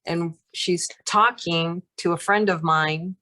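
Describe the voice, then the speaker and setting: A woman's voice: fairly low pitch, steady tone, slow, pushed and bright. A woman telling a story in a casual, chatty way, laughing often and using lots of fillers. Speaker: group participant.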